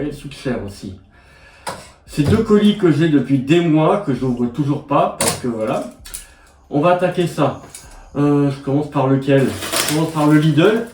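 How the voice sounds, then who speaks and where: A man chatting casually as he unboxes parcels, slangy and quick to exclaim at each find. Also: a little high, darkish tone. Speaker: collector unboxing militaria. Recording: echoey room, mic at a distance, noisy.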